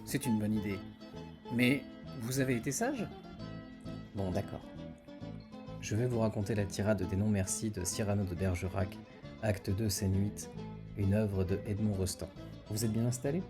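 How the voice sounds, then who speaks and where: A man's voice: on the low side, normal speed, pauses often, music in the background. A man storyteller introducing and narrating a scripted tale for children.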